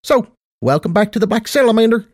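A man's voice: sits high, animated, quick pace, no echo, studio quality, pitched above the performer's own voice. A man putting on a perky teasing mare. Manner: chirpy, bubbly chatter. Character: perky, affectionate female pony, showy and teasing.

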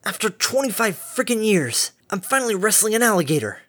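A man voicing a brash, sarcastic adult female pegasus pony who yells taunts and mild curses. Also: high voice, big pitch swings, takes it slowly, slightly rough, no room sound, studio quality, voice pushed up, heavily acted. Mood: brash, taunting. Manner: loud, sarcastic, cursing mildly.

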